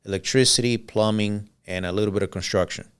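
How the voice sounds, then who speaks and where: A middle-aged man born in Cuba whose first language is Spanish, telling his life story as a podcast guest in a relaxed, rambling way with many "uh"s and "um"s. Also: fairly low pitch, fast, clean tone. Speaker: podcast guest, business owner. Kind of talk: casual interview storytelling.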